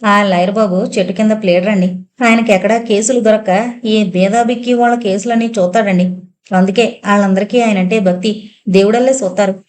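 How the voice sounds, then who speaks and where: A woman's voice: mid-range voice, fairly even intonation, brisk, darkish tone, natural voice. A woman voicing a chatty, deferential village servant man who speaks in rustic dialect.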